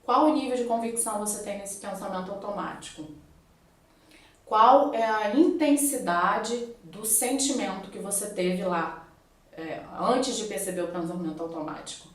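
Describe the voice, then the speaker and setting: A Brazilian woman psychologist explains a method patiently, step by step, with worked examples. Her voice sits at a middle pitch and carries a strong echo. She sounds set back from the microphone in an indoor room. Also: moderate pace. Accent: Brazilian Portuguese. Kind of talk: explanatory online video lesson. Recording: very echoey room, voice far from mic.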